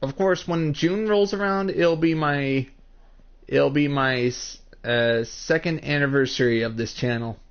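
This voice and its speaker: Through a muffled, lo-fi stream mic, a man in his twenties with a voice on the high side talks casually at a measured pace while building in a game. He walks through every step and addresses viewers in chat by name.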